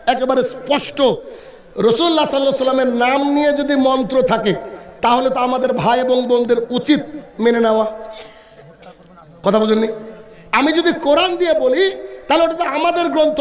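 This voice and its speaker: A male Islamic preacher giving a didactic sermon in short, separated staccato phrases, repeating himself and asking rhetorical questions. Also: very high-pitched. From India. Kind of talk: Bengali waz sermon to an audience. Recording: echoing amplified voice.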